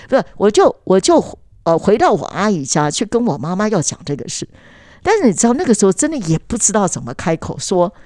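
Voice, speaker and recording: A woman's voice: lowish voice, a little mellow, no room sound, studio quality. An adult woman talking casually on a podcast, recounting personal memories in an earnest, reflective way.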